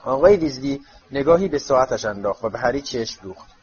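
A man narrating a storybook in an expressive, storytelling way. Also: mid-range voice. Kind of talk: audiobook reading. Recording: slightly muffled audiobook with faint music.

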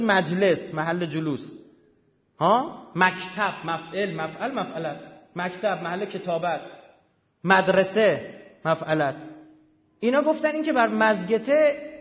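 A man lecturing to a live audience, emphatic and often checking that listeners follow with short questions. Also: sits high. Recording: dull lo-fi sound with long hall reverb.

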